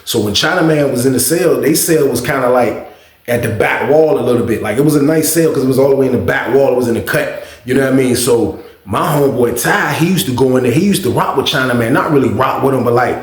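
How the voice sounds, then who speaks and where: A man's voice: medium pitch, fast talker, roomy sound. A man casually telling a story to his viewers, rambling and often adding filler phrases. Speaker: vlogger.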